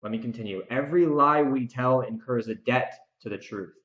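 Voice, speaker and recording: A podcast host and author runs a solo show in a rambling, emphatic, preachy style, repeating phrases for stress. His medium-pitched voice is fairly quick and a bit bright, with roomy echo and a slightly dull lo-fi sound.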